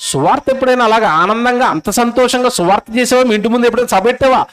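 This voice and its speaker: A man's voice: very high voice, rapid-fire, a bit bright, clear, resonant tone. A male preacher with a Telugu accent delivers a sermon, scolding his audience with rhetorical questions. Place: convention stage.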